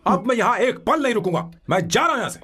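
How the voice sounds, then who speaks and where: A man's voice: high voice, animated, quick pace, bright, forceful tone, slightly rough, full character voice. An actor playing a lovestruck young man who stands up to his family, dubbing a film with emotional, pleading delivery. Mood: indignant. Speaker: film hero. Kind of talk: Hindi film dub.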